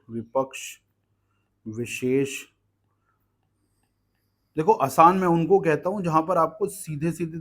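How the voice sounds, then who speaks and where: A man teaching an exam-prep grammar lesson, explaining patiently and checking in with the class again and again. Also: medium pitch. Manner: explains patiently, asks "ठीक है" often.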